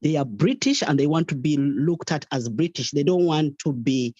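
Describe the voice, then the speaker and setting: A guest in a casual discussion, speaking thoughtfully and pausing to restart sentences. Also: mid-range voice, lively intonation, warm tone, no room sound. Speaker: guest caller. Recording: muffled dry lo-fi audio.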